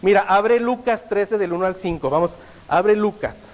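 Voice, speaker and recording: Pastor preaching, questioning the congregation. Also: male voice, sits high, normal speed, long reverb tail, rough recording. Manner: asks the congregation frequent rhetorical questions. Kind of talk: sermon.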